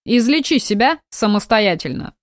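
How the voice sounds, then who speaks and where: A woman reading the lines of a lazy, mocking male mage mentor in an audiobook, in a drawling, unhurried way. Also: a little high, sing-song, no room sound, clean studio sound. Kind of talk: audiobook character voice.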